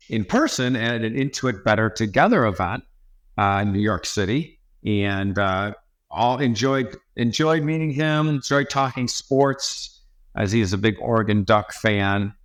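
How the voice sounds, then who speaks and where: Brief: man, 40s, podcast co-host, relaxed, easygoing chat. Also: on the low side. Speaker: podcast co-host and tax firm owner.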